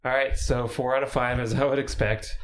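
A man's voice: mid-range voice, flat delivery, brisk. A man hosting a casual podcast chat, laid-back and swearing casually, laughing often. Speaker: podcast host.

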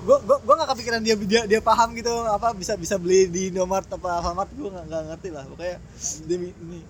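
Fast-talking Jakarta young man, high voice. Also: slight background noise. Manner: slangy, animated storytelling that acts out quoted exchanges. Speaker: storyteller. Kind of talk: casual chat.

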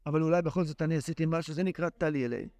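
A male Torah teacher giving a daily lesson in an impassioned, exclamatory manner. His voice is fairly high, and the recording is close and dry with no room sound. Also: darkish tone, no echo. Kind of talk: daily religious text lesson.

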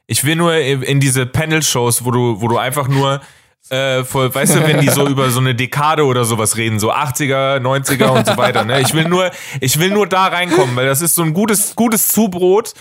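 A man's voice: mid-range voice, a little fast, a bit bright. A young man co-hosting a casual podcast chat, rambling with stammered restarts and slang. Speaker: podcast co-host.

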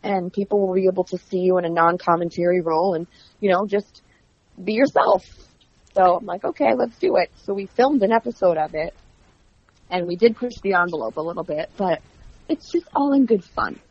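A woman being interviewed as a wrestling commentator, telling stories in a chatty, animated way and acting out quoted dialogue. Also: lowish voice, fairly quick, husky, no room sound. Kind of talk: casual interview. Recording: dull lo-fi audio.

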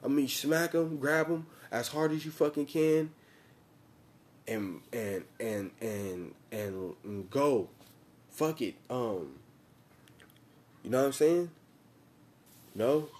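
Young man, American accent, frat-bro slang, profane, emphatic, repetitive, casual sports chat, dark relaxed tone. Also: mid-range voice, slow, long pauses. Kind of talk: casual chat about football tactics.

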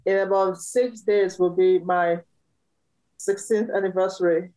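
A woman's voice: mid-range voice, fairly even intonation, measured pace, warm tone, low-quality recording. A woman from Cameroon, a musician guest in a casual interview, talking cheerfully and laughing often.

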